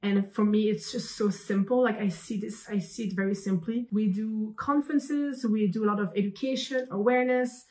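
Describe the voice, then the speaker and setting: A young woman from Belgium, a company founder answering interview questions over a video call, talking in an animated way with many fillers and restarts. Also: medium pitch, moderate pace, few pauses. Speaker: guest, founder. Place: room at home.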